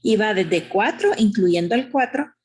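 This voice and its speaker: A woman's voice: medium pitch, animated, measured pace, darkish tone, breathy edge. A woman teaching a math lesson, explaining step by step in a patient way and often checking with "¿verdad?". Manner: patient, explanatory, uses diminutives, asks "¿verdad?".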